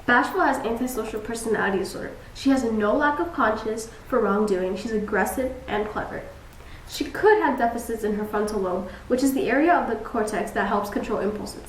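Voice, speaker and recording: A hissy, far-off camera mic in a reverberant room records a young woman's brisk, slightly high, natural voice. She's acting out a scripted diagnosis as a gruff, blunt dwarf psychologist, exasperated and clinical, for a student skit.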